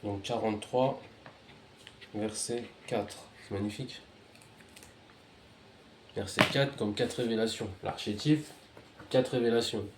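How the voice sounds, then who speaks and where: A man reading and commenting on scripture, muttering quiet asides between louder, rising recitations. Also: lowish voice, fairly even intonation, a little slow, pauses often, roomy sound, noisy background. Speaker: religious reader.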